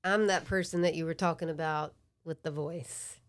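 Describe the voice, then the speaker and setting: Smooth-voiced woman podcast interviewer. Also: deep voice, steady tone, moderate pace. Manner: rambling questions, restarts mid-thought.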